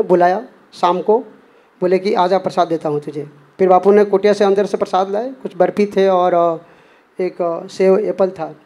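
A man with a noticeably high voice recounts a personal devotional experience. He tells it earnestly and slips into the voices of the people he quotes. The delivery is plain spoken testimony, not a reading. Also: warm tone. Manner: earnest retelling that acts out quoted dialogue.

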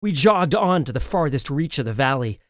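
Male audiobook narrator, fairly high and very animated, dry studio sound. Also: moderate pace, no room sound. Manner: expressive, lively storytelling. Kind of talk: first-person audiobook narration.

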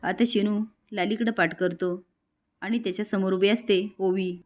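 A woman's voice: medium pitch, fairly even intonation, normal speed, a little mellow. A woman narrating a recap of a TV serial episode, steadily telling the story and reading out the characters' lines.

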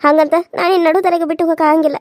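Woman doing a caring but firm village auntie, high voice, north karnataka kannada, cartoon. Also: racing, no echo, studio quality. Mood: earnest. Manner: steady, earnest, lecturing. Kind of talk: cartoon voice acting.

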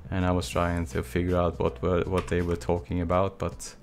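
A Swedish man in his thirties with a Swedish accent streams a texturing tutorial from his small home studio, using a desk mic with a webcam. His voice is low and his pace moderate. Relaxed and chatty, he answers viewer chat between long quiet stretches.

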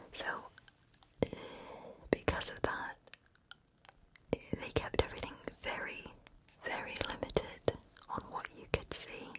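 A woman whispering softly and very close to the microphone in an ASMR style, chatting casually and reflectively about her travels. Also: rough recording. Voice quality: soft unvoiced whisper. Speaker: ASMR creator.

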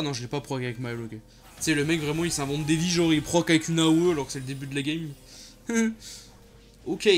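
A young man, giving casual commentary over his own gameplay and reacting loudly to what happens on screen. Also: on the high side. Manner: excitable, slangy, reacts loudly to the game. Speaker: gaming YouTuber. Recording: faint music behind.

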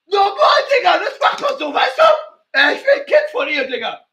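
A man playing a hysterical young male fan who is overwhelmed by donations, shouting slang and repeating "Digga" constantly in a livestream comedy sketch. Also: very high voice, huge pitch swings, normal speed, pitched above the performer's own voice, heavily acted. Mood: giddy.

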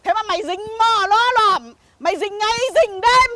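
A woman playing a hot-tempered village mother who curses a thief in shrill, rhythmic rants. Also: animated, fast talker, heavy background noise. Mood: cursing. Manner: shrill, ranting, rhythmic cursing. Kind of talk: comedy sketch acting.

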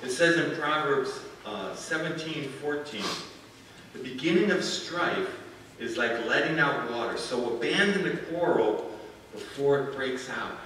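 A man's voice: medium pitch, unhurried, sharp tone, slight background noise. An older man preaching a sermon as a guest speaker, telling folksy stories with frequent restarts. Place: church sanctuary. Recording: distant echoey church hall.

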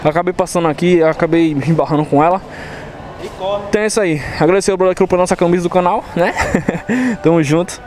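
This young man from Recife, Brazil, talks fast in a voice that sits high, using a Pernambuco Brazilian Portuguese accent. As a motorcycle vlogger in a showroom, he chats casually with lots of slang and hype, recorded on a chest-mounted action camera.

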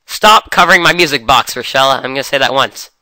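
A young man with a cold, chatting excitedly through a game session. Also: mid-range voice, quick pace, no echo. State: has a cold. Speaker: gamer. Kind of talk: casual game commentary.

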